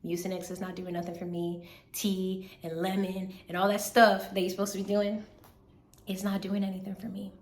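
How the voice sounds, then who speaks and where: A woman in her twenties from the South, a medical student, telling a casual, animated life update in a slightly hoarse voice and repeating phrases for emphasis. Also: mid-range voice, moderate pace, reverberant. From Southern United States. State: slightly hoarse from recent illness. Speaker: third-year medical student vlogger.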